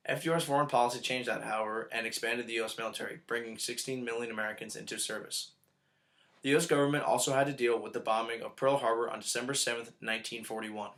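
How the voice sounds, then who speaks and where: A man narrates from a script in a formal, report-like manner. His pitch sits in the middle and he reads at a brisk, rapid clip. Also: fairly even intonation, fairly bright tone. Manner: reading aloud, formal report-like delivery.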